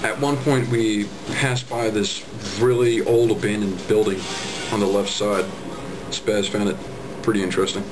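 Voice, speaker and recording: A man's voice: lowish voice, level tone, moderate pace, music in the background, low-quality recording. A man in his twenties narrating and chatting on a road trip in a car, dry and teasing. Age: 20s. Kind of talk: casual travel narration and car chat. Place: inside a moving car. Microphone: handheld camera in the car. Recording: loud road noise.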